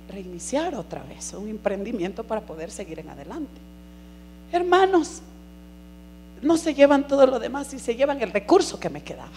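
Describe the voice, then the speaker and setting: A middle-aged woman giving an earnest church testimony, calling listeners brothers and swinging from hushed to emphatic. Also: a little high, slight background noise. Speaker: congregation member giving testimony.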